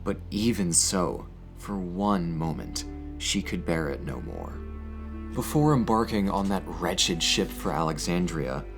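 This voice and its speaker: A low-voiced, animated man hosts an educational channel, reading poetry over music. He moves between casual commentary and a measured, theatrical literary delivery.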